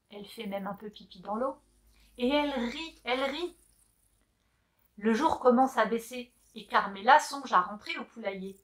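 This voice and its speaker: A woman reading a children's picture book aloud, gentle and expressive, talking to a young listener. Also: fairly high pitch. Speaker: story reader.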